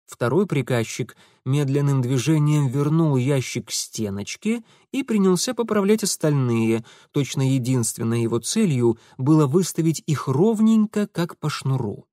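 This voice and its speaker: Guy narrating an audiobook, lively reading, dry close sound. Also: mid-range voice, moderate pace, few pauses, no room sound. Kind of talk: scripted storytelling narration.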